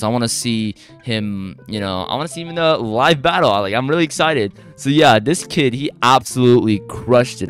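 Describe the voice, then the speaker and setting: Excitable man gushing in casual reaction talk. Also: medium pitch. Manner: excitable, gushing exclamations, rambling with fillers. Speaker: beatbox reaction host.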